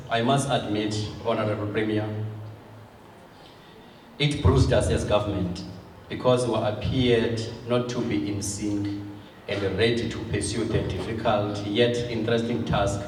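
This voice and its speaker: A South African man delivering a formal prepared government speech in measured, short phrases. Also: fairly low pitch. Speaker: government official giving a speech. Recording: echoey hall, distant microphone, faint noise.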